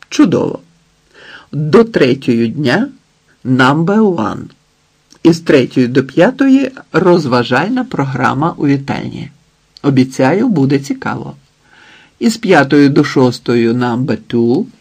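A man's voice: fairly high pitch, darkish tone, slightly rough, heavily acted. A man reading the lines of a bubbly young blonde woman hosting a party, in a chirpy, upbeat way.

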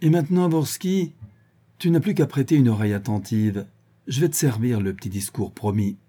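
A man voicing a jovial, ironic gentleman adventurer who taunts his captive theatrically, raising his voice higher than his narration. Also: normal speed, breathy edge, close to an everyday voice. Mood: mocking. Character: mocking, jovial gentleman adventurer, male, adult.

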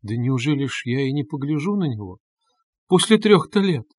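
A man's voice: medium pitch, fast talker, a little mellow, dry recording, lightly acted. A man reading an anxious, timid mother. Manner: pleading, fretful. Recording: dry close studio sound.

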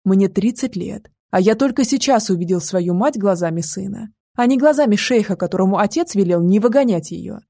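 A woman narrating a first-person audiobook in a calm, measured way. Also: medium pitch, dry recording, studio quality.

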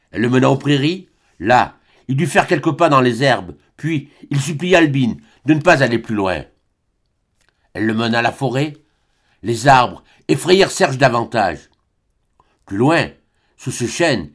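A male narrator with a French accent reads a classic novel with expressive, melodic storytelling. His mid-pitched voice rises and falls in lively arcs, paced for a literary audiobook.

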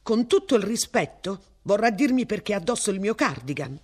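A woman's voice: medium pitch, big pitch swings, brisk, a little mellow, slightly rough, pitched above the performer's own voice. A woman voicing a stiff, indignant middle-aged husband, curt and icily controlled, in a story reading.

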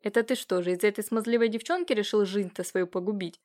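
A fretful old nobleman uncle, jealous and nagging, as a woman reader puts him on. He scolds his nephew in hoarse bursts that climb higher and louder. The voice stays mid-pitched for a woman, read like a storybook. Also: fast talker, lightly acted. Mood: jealous, scornful. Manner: hoarse, scolding, rising to exclamations.

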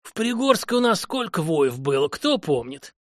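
Guy doing a wise old cossack elder, slow and weighty, sighs a lot, dry sound. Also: high-pitched, very animated, a bit bright, no room sound, voice pushed up, exaggerated voice. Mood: grave. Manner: slow, grave, sighing.

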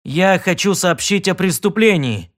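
A man voicing an indignant, belligerent grown-up citizen who makes loud demands. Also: sits high, lively intonation, unhurried, pitched above the performer's own voice. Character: Sid, indignant respectable male citizen.

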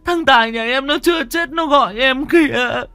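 A man's voice: moderate pace, bright, forceful tone, smooth, dry recording, exaggerated voice. A man voicing a hysterical grieving mother who wails and shrieks through sobs. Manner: shrill sobbing shrieks. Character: wailing grieving mother, hysterical, older woman.

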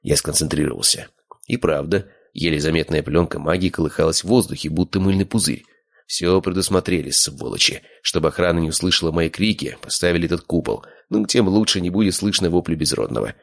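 Man, first-person audiobook narration, very deep, gravelly, measured, dry close sound. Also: no echo.

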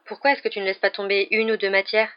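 A woman's voice: mid-range voice, level tone, fast talker, dull audio, lightly acted. A woman reading a story aloud, voicing an earnest, studious teenage girl witch who sounds slightly indignant.

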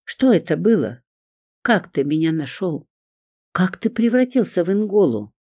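A man voicing a timid young woman heroine who speaks quietly and fearfully. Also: sits high, big pitch swings, measured pace, no room sound, clean studio sound, pitched above the performer's own voice, full character voice. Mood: scared.

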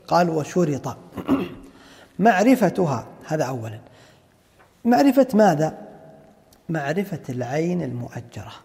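A man's voice: fairly high pitch, gravelly, mellow, big-room sound. A man teaching Islamic jurisprudence, explaining a classical text and asking and answering his own questions. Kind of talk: explaining a fiqh text in a lecture.

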